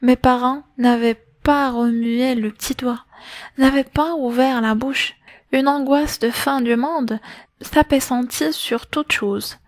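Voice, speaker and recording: A woman with a high, light voice reads a novel aloud in an unhurried, even storytelling manner. The recording is close and dry, with no room sound. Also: no room sound. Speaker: audiobook narrator. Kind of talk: audiobook reading of a novel.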